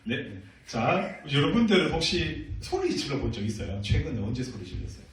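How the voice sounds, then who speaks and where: A man's voice: mid-range voice, very animated, fairly quick. A middle-aged man preaching to teenagers as senior pastor, playful and full of questions and laughs. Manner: playful, asks the youth questions, laughs often. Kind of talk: youth sermon. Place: church hall. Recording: echoey room, from a distant mic.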